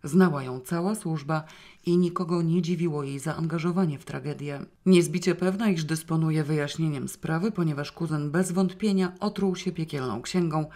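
A narrator reading a novel aloud in a steady, measured way. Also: medium pitch. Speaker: audiobook narrator. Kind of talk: scripted narration.

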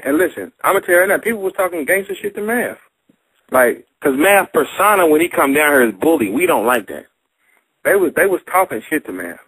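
A man's voice: a little high, a bit bright, breathy edge, no echo, low-quality recording. A young man from St. Louis with a St. Louis accent, arguing brashly and boastfully, full of profanity, as a battle rapper in a heated casual debate.

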